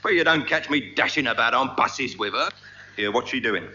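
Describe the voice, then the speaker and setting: Man, bright blustering comic voice, muffled old radio tape. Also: medium pitch, animated, normal speed. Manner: blustering, stammering, cheeky. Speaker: comedian playing a bus conductor. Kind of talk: radio comedy sketch.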